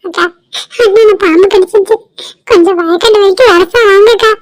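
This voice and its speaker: A woman voicing a young village boy who runs to bring urgent news, pleading and hurried. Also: extremely high pitch. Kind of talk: cartoon voice acting.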